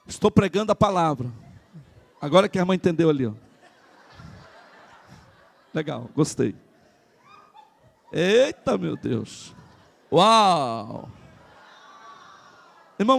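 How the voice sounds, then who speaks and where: A male pastor with a Brazilian Portuguese accent, preaching a lively sermon at a church service and calling out to the congregation. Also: high-pitched, normal speed, creaky, pauses often. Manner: animated, calls out to the congregation.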